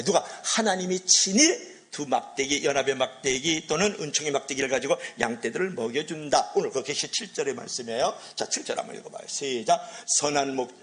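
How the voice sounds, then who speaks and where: Animated Korean pastor preaching. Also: male voice, on the high side. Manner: animated, with rhetorical questions to the congregation. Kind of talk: sermon.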